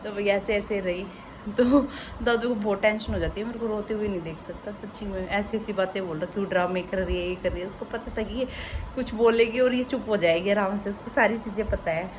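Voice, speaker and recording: In a noisy phone recording made in a home kitchen, a young woman with a Haryanvi accent talks fairly quickly at medium pitch. She's a family vlogger chatting emotionally and casually, mixing stories with playful teasing.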